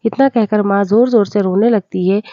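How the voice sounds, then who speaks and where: A woman narrating a moral story in a steady, plain storytelling way. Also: medium pitch, moderate pace, dry recording, muffled recording.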